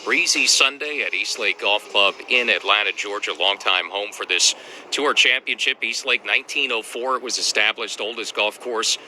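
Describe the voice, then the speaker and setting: A man's voice: lowish voice, normal speed, bright, forceful tone, a little hiss or hum. A man hosting a golf radio broadcast as lead commentator, with polished announcer delivery. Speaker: radio sports anchor.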